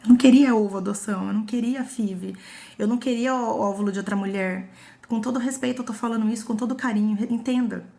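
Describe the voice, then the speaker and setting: A young woman with a Brazilian Portuguese accent speaks in a personal testimony vlog. Her voice sits slightly high and has a gravelly, fry-laced texture. She talks earnestly and with feeling, and she repeats phrases for emphasis. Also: fast, dark tone. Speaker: psychologist sharing her own story.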